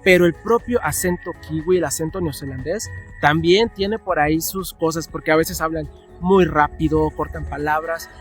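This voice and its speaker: A man's voice: fairly high pitch, moderate pace, soft background music. A young Mexican man with a Mexican accent, telling stories in a casual vlog and acting out his own past conversations. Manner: chatty, animated, acts out his own past dialogue. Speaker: vlogger.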